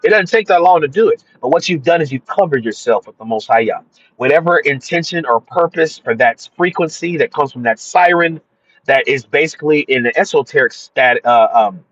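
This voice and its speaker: A man's voice: medium pitch, fairly bright tone, dry recording, highs cut off. A man giving an earnest, preachy spiritual talk on his own channel, often restarting his sentences. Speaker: channel host. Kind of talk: informal spiritual teaching monologue.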